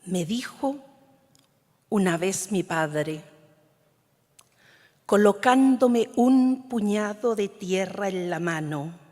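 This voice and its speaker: This Chilean poet, a native Mapudungun (Huilliche) speaker, reads her work in a large conference hall where her voice rings with long reverb. The reading is slow, solemn and measured, yet her medium-pitched, darkish voice is animated, and lines frequently sink into a whisper.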